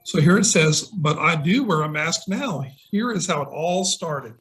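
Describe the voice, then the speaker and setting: On a clicky, noisy video call, a middle-aged nurse reads a picture book aloud to little kids and asks them easy questions. His voice is bright and on the high side, with lively intonation and an unhurried pace.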